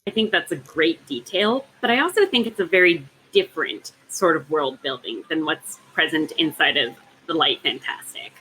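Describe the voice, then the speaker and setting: A woman's voice: deep voice, lively intonation, normal speed, pushed and bright, a little hiss or hum, rough recording. A woman on a casual book discussion podcast, making a long, careful argument with frequent ums and restarts. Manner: analytical, argues at length with many ums. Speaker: podcast co-host.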